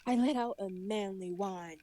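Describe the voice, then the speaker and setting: A woman's voice: mid-range voice, a little slow, warm tone, slight background noise, lightly acted. A woman reading aloud and voicing a boastful, whiny young boy prince in a story. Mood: petulant. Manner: pouting, petulant.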